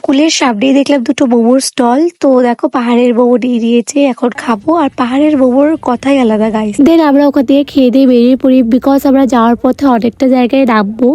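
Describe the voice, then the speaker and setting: A woman vlogging casually outdoors on a hillside, chatting excitedly to her viewers through a phone camera. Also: sits high, fast, few pauses, no echo. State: out of breath on a climb. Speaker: travel vlogger. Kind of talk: casual travel vlog.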